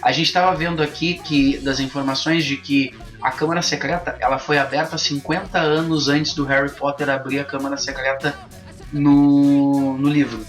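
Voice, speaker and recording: A man's voice: mid-range voice, little pitch movement, normal speed, soft background music. A man, hosting a casual film review chat and thinking aloud with frequent restarts. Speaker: podcast host.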